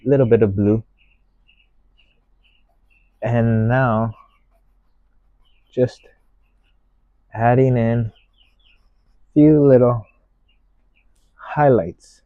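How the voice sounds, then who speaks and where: A man talks through a painting demonstration in a gentle instructor's manner. His pace is very unhurried, with short, musing phrases and a medium pitch. The sound is dry and a little dull, with no room around the voice. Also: fairly even intonation, no room sound. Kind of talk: unscripted painting tutorial narration.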